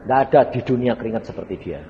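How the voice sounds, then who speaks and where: A man's voice: medium pitch, animated, very fast, muffled recording. A male evangelist, preaching a sermon and telling a story, often asking the congregation questions. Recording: reverberant hall with faint background noise.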